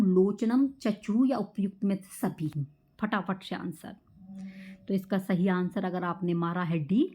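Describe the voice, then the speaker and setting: A woman's voice: mid-range voice, darkish tone. Female teacher, quizzing exam-prep lesson, close mic. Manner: quizzing, drills answers with catchphrases.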